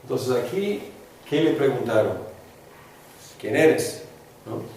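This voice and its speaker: A man's voice: medium pitch, expressive, slow, darkish tone. Echoey, distant man teaching a class. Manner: hesitant, many fillers and restarts. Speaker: Greek teacher. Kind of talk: classroom lecture with call-and-response. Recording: echoey room, distant mic, faint hiss.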